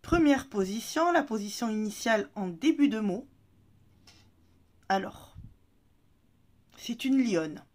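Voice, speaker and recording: A woman's voice: fairly high pitch, animated, slow pace, pauses often, a little mellow. A woman teaching an Arabic reading lesson to French-speaking learners, patient and encouraging, stretching out syllables for the learners to repeat.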